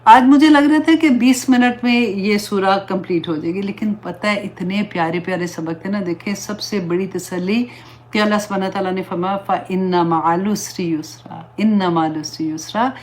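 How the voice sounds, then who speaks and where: A woman's voice: medium pitch, fairly even intonation, a little mellow. Earnest woman giving a religious talk. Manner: earnest, pleading, mixes English words into Urdu. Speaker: Islamic teacher.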